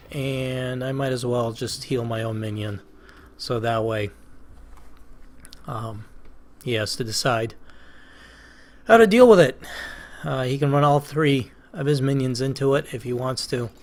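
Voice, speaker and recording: Gravelly man thinking aloud over a card game. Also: medium pitch. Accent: Boston. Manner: thinking aloud, hesitant, self-questioning. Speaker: gaming channel host. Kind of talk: casual let's play commentary.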